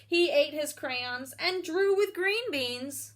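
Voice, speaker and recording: Reading a picture book aloud to children, a woman speaks slowly in a high-pitched voice. She's expressive, adding little asides, explaining feelings and putting questions to her young listeners.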